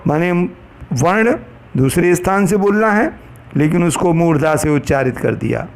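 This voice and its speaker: A man giving a measured lecture on pronunciation to trainee teachers, explaining each point slowly and reciting Sanskrit verses. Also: fairly high pitch.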